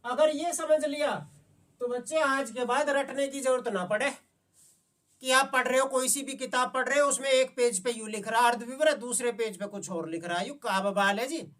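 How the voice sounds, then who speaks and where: A man's voice: extremely high pitch, moderate pace, a bit bright, recorded from a distance. A male Hindi teacher giving an exam-prep class, asking the students questions and answering them himself. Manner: coaxing, repeats "समझ गए बच्चे?".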